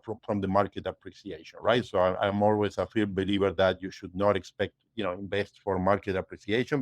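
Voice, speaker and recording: A man, a guest in a casual interview, explaining things step by step in a measured way with many fillers. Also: lowish voice, no echo. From Argentina. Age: 50s. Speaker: guest, realtor and investor.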